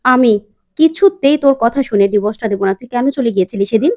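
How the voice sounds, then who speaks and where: A woman's voice: on the high side, animated, fast, a little mellow, dry recording, clean studio sound, lightly acted. A woman voicing an earnest young wife and protective older sister who talks in a firm, scolding way.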